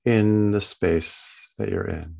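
Male meditation guide, gentle bedtime-narrator delivery, gravelly low register, long pauses. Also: fairly even intonation. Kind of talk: guided body-scan meditation, unscripted.

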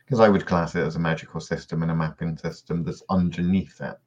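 A man co-hosting a podcast in casual discussion, dry and sardonic, often trailing off quietly at the ends of sentences. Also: low-pitched, fairly even intonation, fast talker, dull audio. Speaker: podcast co-host.

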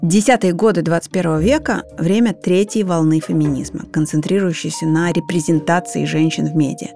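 A woman's voice: lowish voice, steady tone, a little fast, creaky, warm tone. A woman giving explanatory, scripted documentary narration. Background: background music.

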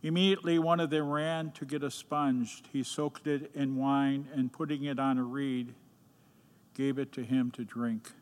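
Slow solemn man with cathedral echo. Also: mid-range voice, flat delivery. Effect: long cathedral echo. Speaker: gospel reader at Mass. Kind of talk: liturgical scripture reading. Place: large church. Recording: long church reverb.

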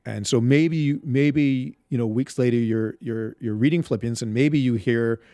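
A man from Barbados speaks in a reflective, halting way, restarting his sentences often. His voice sits at an average pitch and is recorded dry and close, with no room sound. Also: warm tone, smooth, dry recording. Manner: halting, many restarts and fillers. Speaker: guest, Bible storyteller. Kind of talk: reflective interview talk.

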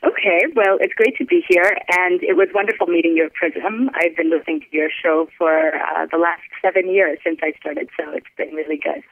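A woman from Kenya, a company founder, being interviewed over the phone and talking in a measured way with frequent ums. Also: fairly low pitch. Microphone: phone line. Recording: tinny dry phone line.

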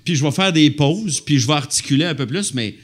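A man's voice: a little high, animated, fairly quick. A man with a Québécois accent, a comedian telling stage anecdotes in casual chat and swearing lightly. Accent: Québécois French. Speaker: comedian guest.

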